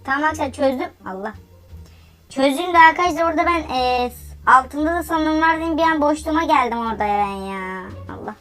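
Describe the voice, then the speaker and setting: High-pitched excitable woman gamer. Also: fairly quick, soft background music. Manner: excitable, exclaims and laughs often. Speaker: gaming YouTuber. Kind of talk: Roblox gameplay commentary.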